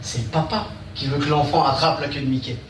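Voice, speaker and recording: Fast, high-voiced male stand-up comic. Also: steady tone, distant mic. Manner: chatty storytelling, addresses the audience with asides. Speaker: stand-up comedian. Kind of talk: stand-up comedy routine. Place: comedy bar stage. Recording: roomy live stage recording from afar with noise.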